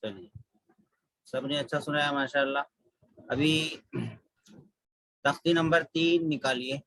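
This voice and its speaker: Male reading tutor, high bright voice, patient repetition, dry close sound. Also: steady tone, dry recording, poor audio. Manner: patient, repeats each rule slowly. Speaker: Quran reading teacher. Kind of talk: online class instruction.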